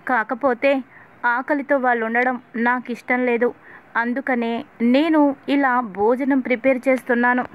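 A woman's voice: a little high, fairly even intonation, a little slow, phone-quality sound, close to an everyday voice. A woman voicing a proud, guarded middle-aged mother who speaks defensively.

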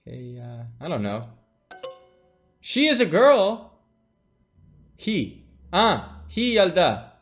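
Soft music plays behind this late-20s streamer as he talks at his desk in a small room. His fairly bright voice sits high, with huge swings in pitch, a slow delivery and long pauses, while he muses aloud, cracks jokes and curses in casual stream commentary.

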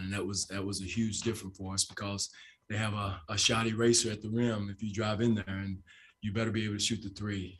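Low, flat-voiced older coach at press conference. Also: male voice. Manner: measured, repeats phrases, frequent fillers. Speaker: basketball head coach. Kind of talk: postgame press conference answers. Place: press room with sponsor backdrop. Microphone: table microphone in front.

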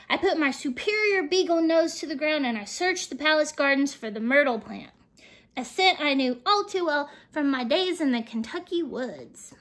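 Bright expressive woman reading to children. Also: sits high. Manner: expressive, animated reading with asides to young listeners. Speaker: storybook reader. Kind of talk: children's storybook read-aloud.

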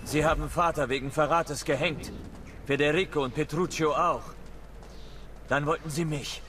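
A man's voice: fairly high pitch, steady tone, moderate pace, fairly bright tone, slight background noise, lightly acted. A man voicing an earnest young hero. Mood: grieving. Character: earnest grieving young male nobleman hero. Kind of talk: German game dub.

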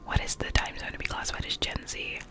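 Whispering at a quick pace into a close studio mic, a late-teen ASMR streamer reads her chat messages aloud and answers them live. She's indoors in her bedroom, surrounded by plush toys.

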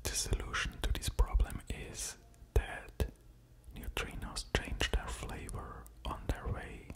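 A man in his thirties, an ASMR creator, whispers a lecture on physics slowly and deliberately. He sits very close to a pair of studio condenser microphones with pop filters, placed at ear level, in a small, quiet room at home.

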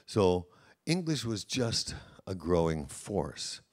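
A man with a very low-pitched voice speaks as a language professor addressing teachers. His delivery is relaxed and conversational, full of anecdotes and casual asides. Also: slow. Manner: conversational and anecdotal, frequent "you know" asides. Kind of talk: informal lecture to an audience of teachers.

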